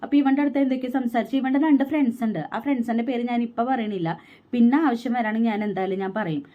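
Pregnant young woman, rapid aggrieved storytelling, dull lo-fi sound. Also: a little high. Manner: fast, aggrieved storytelling with quoted dialogue. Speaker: vlogger. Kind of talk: personal story vlog.

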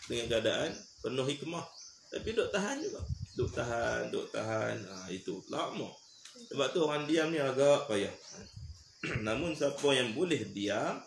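A man's voice: mid-range voice, gravelly. A man giving an Islamic lecture as a religious teacher, conversational and acting out little dialogues. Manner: conversational preaching with acted dialogue and laughs. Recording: echoey room with faint background noise.

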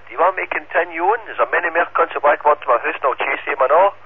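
This Scottish man's voice is a little high and very fast as he chats on a two-way amateur radio, picking fights and swearing heavily. The band-limited link is tinny and full of static.

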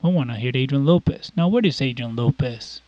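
A man voicing a gruff, impatient cartoon tough guy who talks brusquely and bluntly. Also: mid-range voice, fairly quick, dark tone, dry recording, highs cut off, pitched below the performer's own voice, close to an everyday voice.

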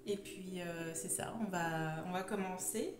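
A woman's voice: on the low side, measured pace, background noise. A woman in her thirties with a sore throat chats casually and hesitantly as she hosts a homemade hobby vlog. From Champagne, France. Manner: talkative, hesitant, wandering. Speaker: hobby video host, first-time vlogger. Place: room at home with stone walls. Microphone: phone at arm's length or slightly further. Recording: roomy, echoing phone recording with faint music.

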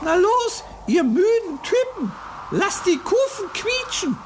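A woman playing a jittery little male hare from a puppet show, his squeaky voice leaping up and down in a shrill register. He wails and begs, always sure that danger is close. The clean hiss of an old studio recording sits behind him. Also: sing-song, slow pace, full character voice. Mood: reluctant. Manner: panicky, wailing pleas. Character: timid cowardly male hare. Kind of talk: puppet play voice acting.

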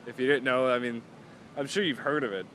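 A young man chats his way through a casual vlog in a parking lot. His voice sits at an ordinary pitch, and he rambles, mocks himself, and keeps losing his thread. Faint traffic hums behind him. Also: fairly even intonation, brisk, a bit bright. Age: young adult. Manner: chatty, rambling, self-mocking, trails off and restarts often. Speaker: vlogger. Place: outdoors in a parking lot beside parked cars.

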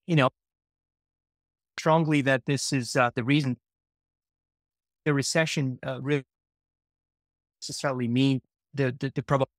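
A man at a middle pitch speaks as a remote interview guest, halting and doubling back on his words. His video call audio keeps cutting in and out, leaving gaps and broken phrases. The sound is dry, with no room around it. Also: fairly even intonation, dry recording. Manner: halting, repeats words often. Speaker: guest market analyst.

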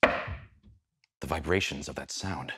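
A man's voice: rumbling low, takes it slowly, bright, forceful tone, husky, pitched below the performer's own voice, full character voice. A man voicing a menacing anime rival who grandly over-explains his moves in an improvised comedy parody. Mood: brooding, menacing. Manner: dramatic anime rival delivery, grandly declaiming.

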